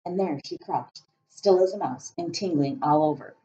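Her voice on the low side, a middle-aged teacher gives an expressive, deliberate storybook reading for children. She's indoors at home in a small room by the kitchen, recorded through a laptop webcam at arm's length with dull lo-fi quality.

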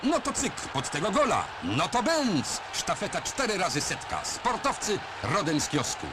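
A man's voice: high voice, huge pitch swings, normal speed, noisy background. Wry 1970s newsreel narrator, man. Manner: wry, jaunty commentary. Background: loud music score.

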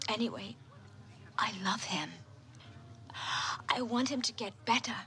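A frank, wry fiancée. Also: female voice, a little high, steady tone, measured pace, a bit bright. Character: engaged woman, candid and wry.

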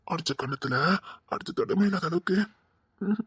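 A woman doing a husky, possessive young husband. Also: lowish voice, moderate pace, no room sound, clean studio sound. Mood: pleading. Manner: pleading, insistent, swings between coaxing and threats. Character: possessive lovesick young husband, pleading and stubborn. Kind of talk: amateur audio drama.

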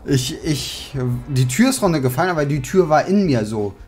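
A playful, excitable man giving casual, joking commentary as he streams a video game. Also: a little high, moderate pace. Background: video game music.

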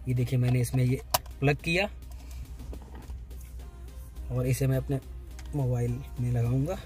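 Faint music plays behind a YouTube host whose voice is medium-pitched, dark-toned, and unhurried. Sitting in a parked car, he gives a casual demo of a car gadget, pointing at its parts and explaining it step by step.

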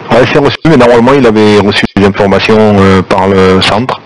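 A man's voice: lowish voice, steady tone, fairly quick, a little hiss or hum, rough recording. A man speaking as a flight-sim pilot in terse radio exchanges over a headset. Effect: pilot radio headset transmission. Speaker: pilot in online flight simulation.

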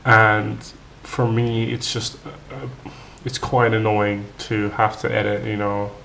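Hoarse, raspy vlogger. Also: male voice, fairly low pitch, level tone, takes it slowly, sharp tone, slight background noise. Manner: rambling, many fillers and restarts. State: hoarse from tonsillitis. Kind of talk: casual vlog to camera.

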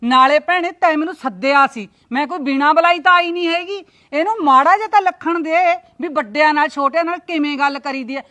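A woman's voice: high-pitched, a little fast, few pauses, sharp tone. A woman playing a scolding, indignant aunt. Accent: Punjabi. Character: sharp-tongued visiting aunt, middle-aged woman.

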